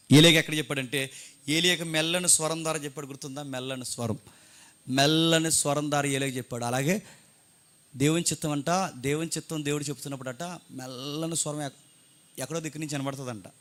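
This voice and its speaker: A man preaching a sermon as a pastor. He fires off rhetorical questions and swings between hushed, quiet passages and loud, emphatic ones. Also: medium pitch.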